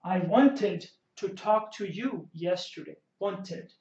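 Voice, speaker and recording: Brazilian man slowly drilling pronunciation. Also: sits high, a little mellow. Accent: Brazilian Portuguese. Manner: slow, careful drilling of English words between Portuguese explanations. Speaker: English teacher. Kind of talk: pronunciation lesson. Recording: roomy, slightly dull home recording.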